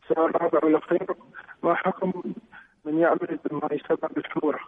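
A man calling in to a radio show over a poor, garbled phone line, asking questions in a halting, hesitant way. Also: on the high side, level tone, slightly rough, no room sound. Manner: hesitant, halting, many fillers. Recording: tinny distorted phone line.

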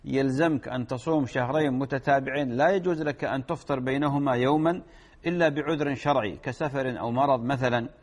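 A middle-aged man, an Islamic scholar, giving steady, explanatory answers to listener questions and quoting scripture on a religious Q&A program. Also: mid-range voice, quick pace.

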